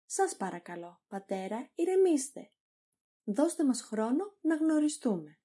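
A woman's voice: sits high, big pitch swings, dark tone, breathy edge, exaggerated voice. A woman voicing a young daughter begging her father for time. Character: shy, pleading young daughter.

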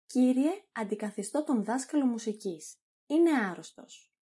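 A woman's voice: on the high side, lively intonation, warm tone, breathy edge. A woman reading a polite young male suitor. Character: young male lover in disguise.

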